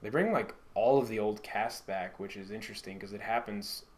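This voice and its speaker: A man co-hosting a casual podcast chat, rambling and swearing freely, his sentences often trailing off quietly. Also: fairly low pitch, fairly quick. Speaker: podcast co-host.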